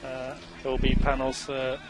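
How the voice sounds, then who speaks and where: A man's mid-pitched voice over race car radio. He is an engineer passing procedural instructions to his driver in a friendly, matey way. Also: completely flat delivery, normal speed. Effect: team radio transmission.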